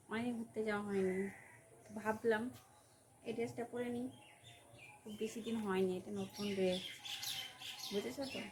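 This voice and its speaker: A woman's voice: mid-range voice, slight background noise. Chatty woman vlogger full of tag questions. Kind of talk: casual chat to viewers.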